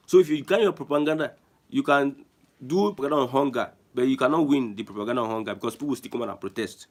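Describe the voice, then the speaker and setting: Nigerian guy ranting about politics, medium pitch, keeps repeating himself. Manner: emphatic, repeats phrases, restarts often. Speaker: online show host reading viewer comments. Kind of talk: casual political commentary.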